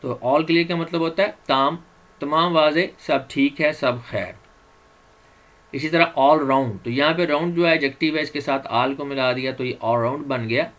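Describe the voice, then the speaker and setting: Slow, measured male vocabulary teacher. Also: a little high, fairly bright tone, low-quality recording. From Pakistan. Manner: reads word lists slowly with Urdu glosses, small fillers and restarts. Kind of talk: slide-based vocabulary lecture.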